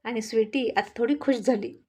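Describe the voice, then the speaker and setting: A woman's voice: on the high side, normal speed, dark tone, slightly rough. A woman narrating a college love story and reading every character's lines herself. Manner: reads all characters in the same voice. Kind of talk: storybook narration with acted dialogue.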